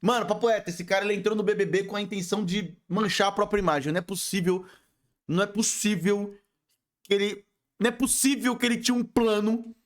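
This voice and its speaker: A man with a Brazilian accent reacting casually to a video, talking in excitable, slangy bursts. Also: high voice, quick pace. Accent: Brazilian Portuguese. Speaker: react streamer.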